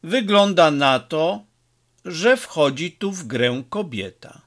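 Guy reading as a stiff by-the-book sergeant, quiet and slow. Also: a little high, animated. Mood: officious. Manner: formal, restrained. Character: dutiful police sergeant, man.

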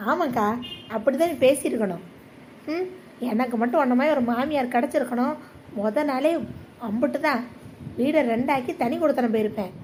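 A high voice from a woman playing a blunt young village wife with a lilt. She backs her friends up with plain, spirited talk, and faint noise sits underneath. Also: a little fast, pauses often, a little mellow, lightly acted. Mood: encouraging. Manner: encouraging, blunt, colloquial. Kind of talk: animated village drama.

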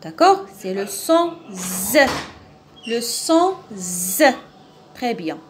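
A woman teaching a phonics lesson to children. She repeats each word slowly and deliberately. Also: mid-range voice, big pitch swings, slight background noise. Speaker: French teacher.

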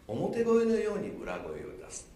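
A man's voice: high voice, wildly swooping pitch, unhurried, warm tone, a little hiss or hum. A man from Kumamoto, a vocal coach explaining and demonstrating singing sounds live on stage at a dinner show. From Kumamoto, Kyushu, Japan. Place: hotel banquet hall. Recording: echoey banquet hall.

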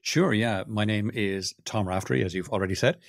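A sustainability consultant from Cork, Ireland, chats casually as a podcast guest, self-deprecating and often restarting his sentences in his Irish accent. His voice sits on the low side and moves a little fast, recorded cleanly in a studio with no room sound.

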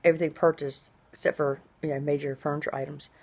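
A middle-aged woman chatting casually in a personal video diary, rambling conversationally, with drawn-out, hissing s sounds. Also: low-pitched, flat delivery, a little mellow. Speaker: vlogger. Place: small indoor room at home.

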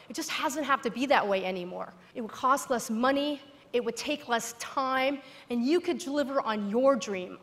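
A woman's voice: a little high, fairly bright tone. A woman in her thirties giving a persuasive conference keynote on a large stage, speaking emphatically with rhetorical repetition. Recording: long hall reverb.

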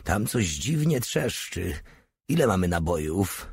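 A man's voice: low-pitched, very animated, unhurried, a little mellow, husky, dry recording, full character voice. A man as a muttering, wary old soldier. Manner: muttering, distrustful.

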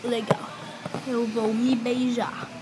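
High-voiced, giggly girl vlogging. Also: little pitch movement, takes it slowly. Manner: giggly, exclaiming, talks to her pet. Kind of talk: playful self-filming chat. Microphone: tablet built-in mic. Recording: noisy home tablet recording.

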